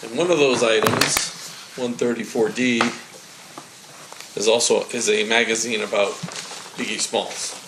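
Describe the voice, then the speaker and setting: Speaking in a fairly low, steady voice, a male prosecutor takes his time, leaving long pauses as he methodically questions a witness and frequently says "uh" and "um." The courtroom recording is echoey, with background noise.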